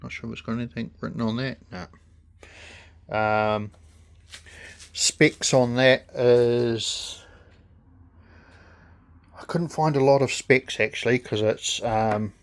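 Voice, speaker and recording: Male, New Zealand accent, slow and hesitant, unscripted casual reviewer. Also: medium pitch, steady tone. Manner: halting, hesitant delivery with pauses. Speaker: gadget reviewer.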